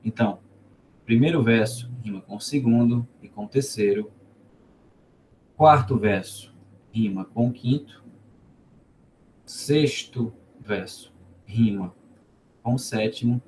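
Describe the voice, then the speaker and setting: A man with a Northeastern Brazilian accent leads an informal online class at an ordinary, mid-range pitch. He asks the students questions and repeats words while he explains. A faint background noise runs under his voice. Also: takes it slowly, pauses often, darkish tone. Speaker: teacher of a cordel literature course.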